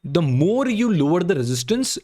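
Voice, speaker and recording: Man, Indian accent, fairly high pitch, blunt explanatory critique, instructive, frequent tag questions. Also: sing-song, moderate pace, mellow. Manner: blunt, instructive, repeats points with frequent "okay?" tags. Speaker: video creator reviewing job application emails.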